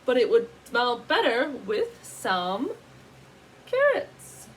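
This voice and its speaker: A woman voicing a hungry, confident young traveller from a storybook, coaxing with drawn-out phrases. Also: a little high, huge pitch swings, slight background noise, exaggerated voice, poor audio.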